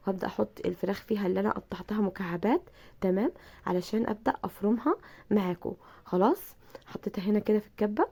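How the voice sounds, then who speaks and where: Hoarse Egyptian woman teaching a recipe. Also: mid-range voice, dark tone. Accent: Egyptian Arabic. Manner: chatty, repeats herself, addresses viewers affectionately. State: hoarse from a bad cold. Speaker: cooking channel host. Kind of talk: cooking tutorial.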